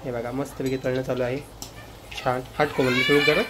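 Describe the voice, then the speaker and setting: A man's voice: mid-range voice, little pitch movement, fairly quick, heavy background noise. A man, a family vlogger and father, chatting casually in a home kitchen while filming on a phone, coaxing his small child and turning to speak to viewers. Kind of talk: casual home vlog chat.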